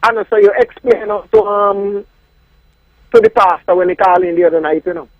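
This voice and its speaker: Husky, insistent Kittitian and Nevisian man calling in. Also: sits high, no echo. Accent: Kittitian and Nevisian Creole. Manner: halting, repetitive, insistent. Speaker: caller. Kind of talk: argumentative radio phone-in. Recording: dull, lo-fi phone call.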